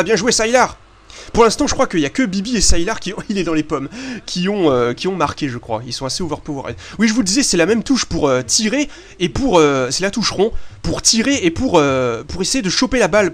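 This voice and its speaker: A young man from France giving chatty, excitable commentary over a basketball video game, swearing casually and filling pauses with hesitations. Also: high voice. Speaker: gaming video host. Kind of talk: casual let's-play commentary.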